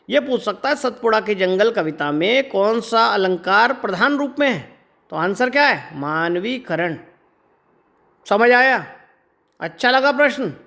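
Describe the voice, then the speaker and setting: A man's voice: very high-pitched, a bit bright. A man teaching an exam-prep lecture. He explains step by step and often checks in with rhetorical questions. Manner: stretches words slowly to demonstrate pronunciation. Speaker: Hindi teacher.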